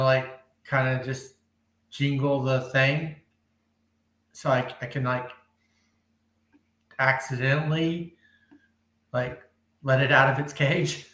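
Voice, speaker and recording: A man's voice: mid-range voice, bright, forceful tone, echoey room. A man playing a tabletop game, joking and laughing often. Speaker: player.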